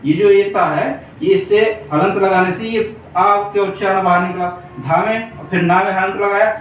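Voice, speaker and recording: A man's voice: high voice, steady tone, normal speed, fairly bright tone. A man teaching a Hindi grammar class for exam preparation, repeating points and checking in with his students often. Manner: repetitive, keeps checking in with the class. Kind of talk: exam-prep grammar lesson at a board. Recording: echoey room, distant mic, faint hiss.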